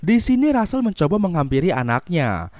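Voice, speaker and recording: A man's voice: a little high, big pitch swings, a little fast, a little mellow, slight background noise. A man narrating a scripted film recap.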